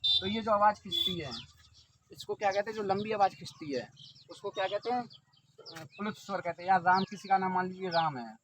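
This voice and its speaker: A man's voice: high-pitched, a little fast. A man teaching an exam-prep lesson who asks questions and answers them himself, stretching words out to show calling someone. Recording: outdoor noise with birdsong.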